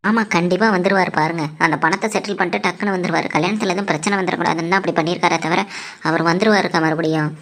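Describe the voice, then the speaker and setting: A woman doing a low-voiced reassuring young man. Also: steady tone, racing, fairly bright tone. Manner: soothing and confident. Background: background music.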